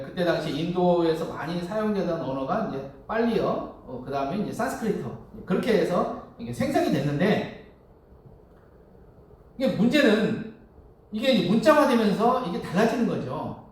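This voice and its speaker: A man's voice: high-pitched, darkish tone. A man giving a Sunday sermon as a Won Buddhist minister, speaking conversationally, asking the congregation questions and chuckling often. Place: temple hall. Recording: very echoey hall, distant mic.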